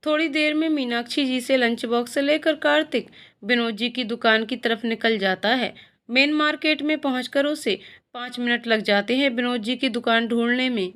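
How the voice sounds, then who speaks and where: A woman narrating a scripted family story in a steady, even storytelling manner. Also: fairly high pitch.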